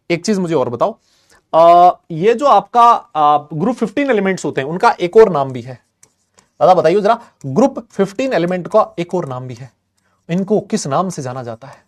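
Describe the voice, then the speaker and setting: A man teaching a chemistry class, chatty and lively, quizzing and teasing his students and mixing English terms into his talk. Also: on the high side. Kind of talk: classroom lecture.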